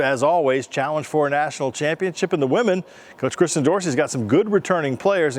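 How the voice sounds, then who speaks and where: A man hosting a sports show, giving a brisk rundown of the season. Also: fairly high pitch.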